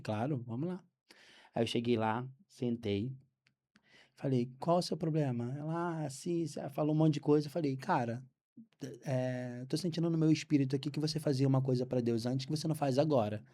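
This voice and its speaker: Brazilian man, mellow voice, storytelling. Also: medium pitch. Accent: Brazilian Portuguese. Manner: animated storyteller acting out dialogue. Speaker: podcast guest. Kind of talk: storytelling testimony.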